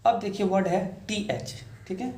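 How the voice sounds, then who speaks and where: A man's voice: high voice, moderate pace, darkish tone, a little hiss or hum. A man teaching a step-by-step lesson, patiently repeating each point and checking in with his students. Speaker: shorthand teacher. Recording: echoey room.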